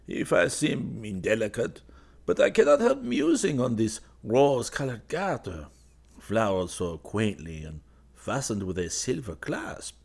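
A man voicing a drowsy young painter who murmurs softly and dreamily to a cat. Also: on the low side, huge pitch swings, measured pace, vocal fry, slightly rough, pitched above the performer's own voice, full character voice. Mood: musing. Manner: soft, dreamy, musing.

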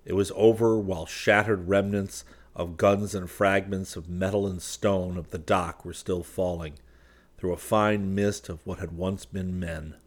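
A man narrating a science-fiction audiobook in a steady, measured reading. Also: sits low.

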